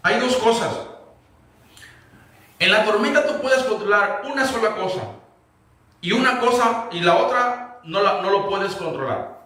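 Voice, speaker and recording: A pastor preaches in a high, bright voice, pressing his congregation with question after question. His words ring through a very echoey church hall, and the mic sits some distance from him. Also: unhurried, pauses often. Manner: asks the congregation repeated rhetorical questions. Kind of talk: sermon. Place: church sanctuary.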